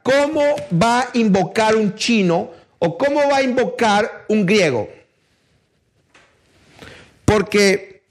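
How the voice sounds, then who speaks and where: A middle-aged male preacher delivers a sermon in a high voice. He speaks slowly and deliberately and keeps putting emphatic rhetorical questions to his listeners.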